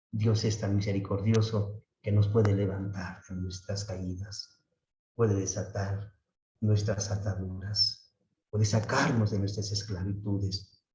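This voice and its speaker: Male priest, homily delivery, conversational tag questions; distant, dull, roomy church recording. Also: mellow. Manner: peppers phrases with tag questions, acts out complaints in a high voice. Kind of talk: sermon.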